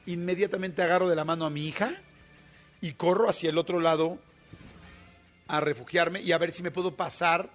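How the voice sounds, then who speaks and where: A man with a Mexican Spanish accent, a radio guest telling a story in a colloquial, animated way with many fillers. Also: on the high side, brisk, long pauses, faint music behind.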